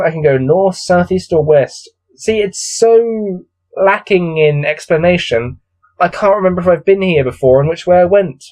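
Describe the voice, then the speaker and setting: A man hosts a gamebook read-through, blending narration read aloud with casual commentary that sounds bored and exasperated. His voice is high-pitched with a warm tone.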